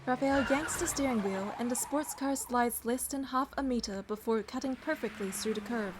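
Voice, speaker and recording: A woman with a fairly high voice, close to everyday speech and at a moderate pace, voices a young female hunter and bodyguard in a romance game. Her scripted first-person narration and dialogue are earnest, lightly teasing and reflective. The background is noisy.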